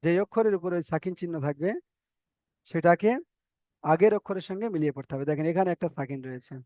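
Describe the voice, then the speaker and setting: High-voiced man teaching slow recitation. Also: warm tone, no room sound, muffled recording. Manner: spells out letters slowly, then repeats syllables with drawn-out stress. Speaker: Quran reading teacher. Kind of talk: step-by-step recitation lesson.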